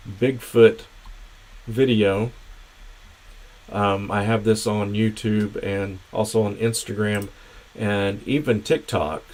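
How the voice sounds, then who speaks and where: A man hosting his own channel's livestream, talking in a casual, meandering, unscripted way. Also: lowish voice. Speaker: channel host.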